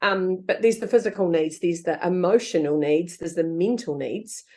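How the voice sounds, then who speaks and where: A woman in her fifties, a guest author in a casual interview chat, who talks lively, laughs often and acts out quoted voices. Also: fairly low pitch, normal speed.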